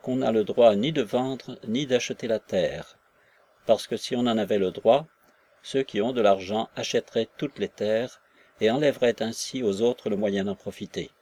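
A man voicing an idealistic young landowner in an audiobook, earnest and persuasive in a measured way, low in pitch. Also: a little mellow, natural voice. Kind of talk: audiobook character reading.

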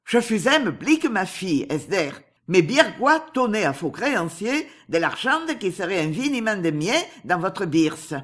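A woman's voice: mid-range voice, very animated, a little slow, hardly any pauses. A woman voicing a pompous older male banker who speaks French with a heavy German accent and mangled consonants. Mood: blustering.

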